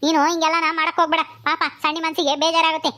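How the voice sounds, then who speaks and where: A woman's voice: very high-pitched, level tone, rapid-fire, pushed and bright. A woman voicing a scolding old village grandmother. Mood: lecturing. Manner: scolding, nagging, rustic village speech.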